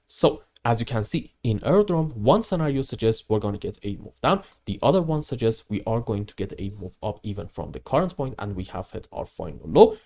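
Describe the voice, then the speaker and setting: A man with a grating voice, hoarse from a cold, presenting chart commentary emphatically and answering his own questions. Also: mid-range voice, darkish tone. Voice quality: grating, rough voice. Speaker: host of crypto market update.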